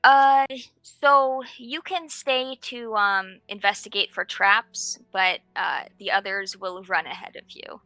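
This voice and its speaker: A woman runs a tabletop game, describing each scene slowly and with care. Her voice is bright and carries a gravelly fry. It sounds dry and close, with faint music playing behind her. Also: medium pitch, no room sound, poor audio. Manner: unhurried, descriptive scene-setting. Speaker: game master.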